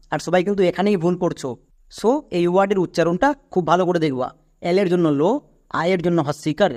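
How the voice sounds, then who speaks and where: A man with a high-pitched voice walks learners through pronunciation rules in a classroom-style lesson. He breaks each word into its letters and repeats each rule. He keeps asking the class questions to check that they follow. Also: a little mellow. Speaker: English pronunciation teacher.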